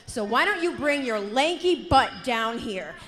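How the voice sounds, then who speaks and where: Female wrestler promo: high voice, confrontational, dramatic emphasis. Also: lively intonation, moderate pace. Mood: challenging. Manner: emphatic, theatrical. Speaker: pro wrestler.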